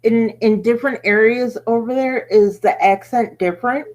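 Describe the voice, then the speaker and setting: An American woman hosting a casual chat in a relaxed, friendly way. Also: on the high side, moderate pace. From United States. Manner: friendly, easygoing, laughs often.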